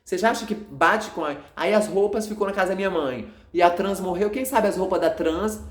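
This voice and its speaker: Agitated Brazilian man in an echoey room. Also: high-pitched. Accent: Brazilian Portuguese. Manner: agitated, repetitive, halting storytelling. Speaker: evangelical channel host. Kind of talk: recounting a dream to followers.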